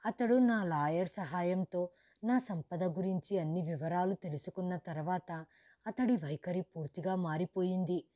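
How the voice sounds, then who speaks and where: A woman narrating a storybook in the first person as a grieving, widowed mother who lost her wealth, in a steady, measured reading. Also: on the low side, no echo, close to an everyday voice. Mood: sorrowful.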